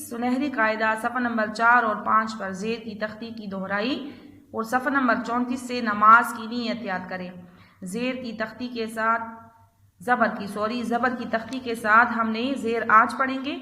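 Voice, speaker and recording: A woman's voice: on the high side, fairly even intonation, pushed and bright, roomy sound. A woman teacher with a Pakistani Urdu accent, giving a lesson to young children and patiently checking in as she goes. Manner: slow, drawn-out recital of letter sounds; patient, repeats and checks with "theek hai".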